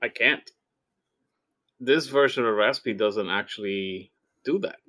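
A man chatting casually about a game, explaining rules haltingly and correcting himself as he goes. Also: fairly low pitch, pushed and bright. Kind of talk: casual game analysis chat.

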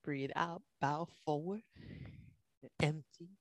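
A yoga instructor leads a guided class at a slow pace, coaching the breath with each movement. The cues come in short, spaced phrases at a middling pitch, in a dry, close sound. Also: steady tone, dry recording.

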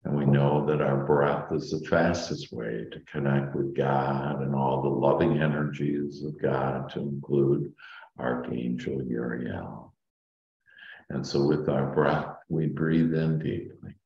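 A man leading a guided meditation in a calm, slow, meditative tone. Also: extremely low pitch, echoey room, dull audio.

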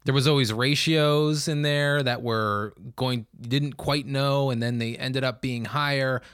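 A man hosting a weather podcast, talking in a relaxed, conversational way with plenty of fillers. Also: mid-range voice, a little slow, smooth, no room sound, clean studio sound. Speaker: meteorologist podcast host. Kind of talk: casual chat.

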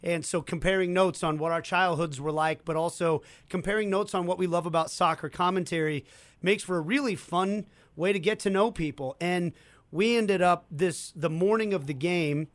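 Telling a story during a casual chat, a Kansas City co-host and play-by-play announcer speaks fluently and conversationally. He has a high-pitched voice at normal speed, captured in a dry recording.

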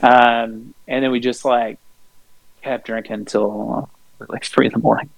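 A man with a gravelly, mid-pitched voice chats casually as a podcast co-host. He rambles along in a laid-back way, cursing freely and leaning on fillers. The sound is dry and close, with no room around him. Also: level tone, unhurried, no room sound, low-quality recording. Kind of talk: casual storytelling chat.

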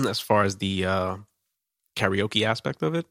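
A man's voice: on the low side, big pitch swings, a little slow, gravelly, a bit bright, no echo, clean studio sound. A young man hosting a casual chat, joking loosely with lots of fillers. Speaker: podcast host.

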